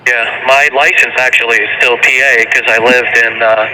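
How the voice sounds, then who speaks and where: A man calls in on a prison phone, his voice flat and even in pitch. He speaks haltingly and leans on fillers as he chats. The line is noisy, with steady hiss behind him. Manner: hesitant, halting, many fillers. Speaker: prisoner calling in. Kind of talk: casual phone chat.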